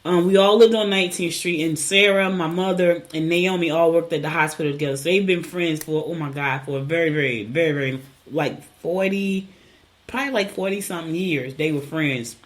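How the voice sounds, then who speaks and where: A middle-aged woman from Newark, New Jersey, hosts a casual morning show podcast, rambling warmly through personal stories. Her low voice is raspy, scratchy, and hoarse, she clears her throat, and she talks fairly quickly.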